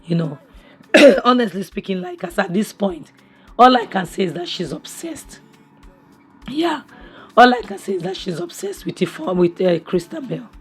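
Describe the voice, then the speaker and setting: A hoarse, husky woman vlogs a casual spoken recap of a series from home, close to a kitchen appliance, her voice going after a cough. Medium-pitched with big pitch swings, she speaks unhurriedly over soft background music, chatty, opinionated and prone to restarts and "you know".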